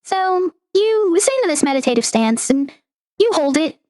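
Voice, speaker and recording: A woman's voice: very high voice, very animated, normal speed, a little mellow, no echo. A woman game master narrating a tabletop roleplaying game in a descriptive, scene-setting way.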